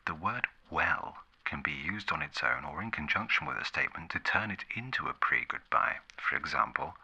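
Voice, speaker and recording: A man playing a formal, condescending 1950s public-service ad announcer in an ASMR role-play, a soft gravelly voice and deadpan, measured delivery. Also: exaggerated voice. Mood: deadpan instructive. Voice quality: breathy, soft, gravelly low voice.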